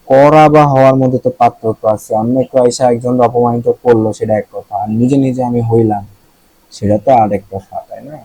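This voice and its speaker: A man's voice: medium pitch, steady tone, moderate pace, warm tone, husky, no room sound, rough recording. A man from Bangladesh teaching vocabulary in a casual lesson, thinking aloud, checking pronunciations and joking with the viewers.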